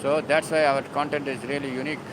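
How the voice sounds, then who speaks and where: A man's voice: medium pitch, level tone, quick pace, noisy background. A man hosting a casual live stream, talking in a rambling, emphatic and repetitive way. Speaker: livestream host.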